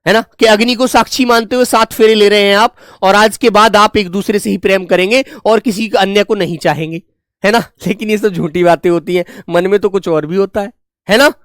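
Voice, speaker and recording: A man's voice: high-pitched, fairly even intonation, brisk, fairly bright tone, no room sound, studio quality. A male teacher giving an exam-prep grammar lecture. He coaxes his students fondly, calls them child and keeps checking whether they follow. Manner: fond, coaxing, keeps asking "right?" and calling students child.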